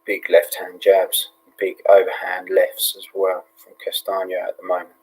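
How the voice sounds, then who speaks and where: A British man hosting a live fight watch-along in a hushed, half-whispered voice, relaxed and full of ums and yeahs. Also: low voice, moderate pace, slightly rough, rough recording. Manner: relaxed, with many fillers like um and yeah. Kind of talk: low-key live fight commentary.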